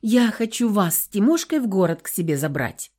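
A woman reading an audiobook, voicing a soft-spoken young mother who talks tenderly and hesitantly. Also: mid-range voice, very animated, normal speed. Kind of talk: audiobook character voice.

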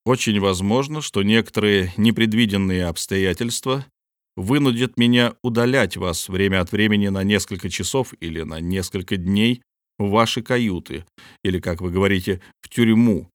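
A lowish male voice portrays a proud, stern submarine captain for an audiobook, cold, measured and commanding. He sounds natural rather than acted, recorded at studio quality with no room sound.

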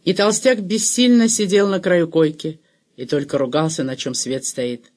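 A man narrating a novel in a measured, literary way. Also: a little high, steady tone. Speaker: audiobook narrator. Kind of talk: scripted narration.

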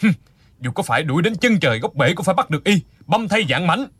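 A woman's voice: lowish voice, animated, fast, husky, no echo, pitched below the performer's own voice. A woman voicing a group of angry male martial disciples swearing revenge. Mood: vengeful. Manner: heated, vengeful.

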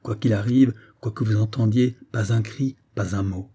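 A man's voice: fairly low pitch, steady tone, normal speed, mellow, slightly rough. A man voicing a proud young Saxon officer who speaks in a commanding, indignant way. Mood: stern.

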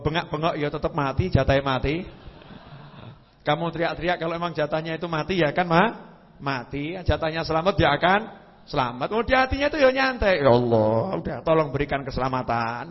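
Lively preacher with a husky voice. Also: male voice. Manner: animated storytelling with sudden pitch leaps and sound effects. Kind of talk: religious lecture. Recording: lo-fi hall recording with long reverb.

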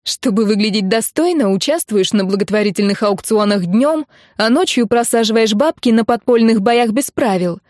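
A woman's voice: fairly high pitch, animated, moderate pace, dry recording, studio quality, close to an everyday voice. Woman voicing a brash, combative young woman. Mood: jeering. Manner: rude and combative, shouting and jeering.

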